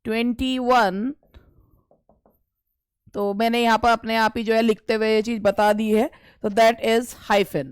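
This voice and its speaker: Clear, dry-voiced Indian woman teaching. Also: fairly high pitch, level tone, no echo. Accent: Indian English. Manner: reads questions slowly, explains quickly; asks questions and answers them herself. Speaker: English teacher. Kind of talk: exam prep lesson in Hindi and English.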